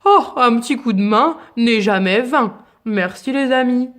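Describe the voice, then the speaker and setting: Éléphant, a gentle pleading elephant, as a woman puts him on. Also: fairly high pitch, lively intonation, a little slow. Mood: grateful. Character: big gentle male elephant, pleading for help.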